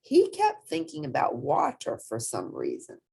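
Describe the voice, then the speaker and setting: A woman reading a children's picture book aloud as an expressive storyteller, with dramatic emphasis. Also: rumbling low, a little slow, creaky, slightly rough.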